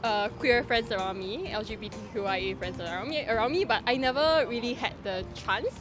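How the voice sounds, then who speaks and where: A woman in her twenties answers questions at an outdoor event, hesitant and filling her pauses. Her voice sits fairly high, and music plays clearly behind her. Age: 20s. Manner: hesitant, with many fillers. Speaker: event volunteer. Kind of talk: casual interview answers.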